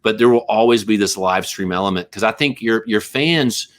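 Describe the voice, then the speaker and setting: A middle-aged man chats as a musician guest in a casual interview. He rambles and restarts his sentences, riffs freely and jokes easily. His talk stays loose and animated. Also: on the low side, normal speed. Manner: rambling, animated, jokey riffing.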